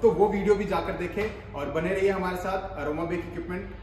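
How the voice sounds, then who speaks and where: Talking a little fast, the young man demonstrates oven wiring in a high, slightly mellow voice with fairly even intonation. As a bakery equipment seller giving a casual demo, he explains step by step with frequent repeats and restarts, in an echoey indoor oven workshop with faint noise.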